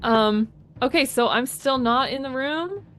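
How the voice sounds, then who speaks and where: A woman's voice: sits high, measured pace, a bit bright. A woman playing a tabletop role-playing game, casually thinking aloud and hesitating as she plans.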